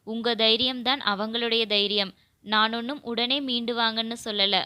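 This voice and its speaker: A woman voicing a calm young man gently consoling grieving elders. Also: on the high side, normal speed, clear, resonant tone, no room sound.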